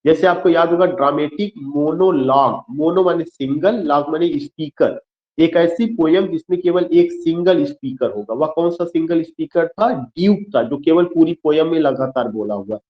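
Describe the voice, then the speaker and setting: A male teacher with a slightly high voice lectures a class, repeating each key term and spelling words letter by letter. He poses questions and answers them himself, slipping English phrases into his explanations. The recording sounds dull and lo-fi. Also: normal speed, echoey room.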